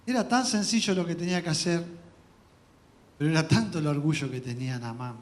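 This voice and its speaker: A man with an Argentine accent preaching a sermon in a church, earnest and personal, giving testimony with soft laughs and restarts. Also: on the high side, a little fast. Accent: Argentine Spanish.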